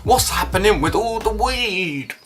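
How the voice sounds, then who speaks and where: Sweary young man, high bright voice. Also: animated, unhurried, soft background music. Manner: rambling, sweary storytelling. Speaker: vlogger. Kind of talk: casual chat to camera.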